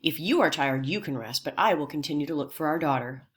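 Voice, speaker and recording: A woman's voice: deep voice, lively intonation, fast talker, fairly bright tone. A woman voicing a fierce, worried mother who speaks in a stern, clipped way in a storybook reading. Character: fierce, worried mother searching for her daughter.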